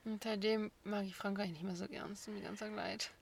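A woman's voice: medium pitch, steady tone, creaky, husky. A young woman in casual podcast chat who teases and jokes while telling her own story. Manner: teasing, quick joking interjections.

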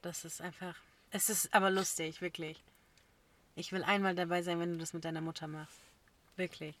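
A woman co-hosting a podcast, telling stories in casual chat and breaking into loud laughter. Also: lowish voice, normal speed. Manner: lively storyteller, bursts into loud laughter. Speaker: podcast co-host.

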